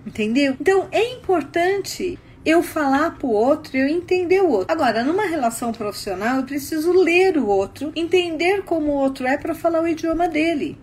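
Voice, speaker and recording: A Brazilian woman with a Brazilian Portuguese accent, teaching about communication in an animated style full of stories and rhetorical questions. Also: sits high, moderate pace, few pauses, a little hiss or hum. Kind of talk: expressive talk.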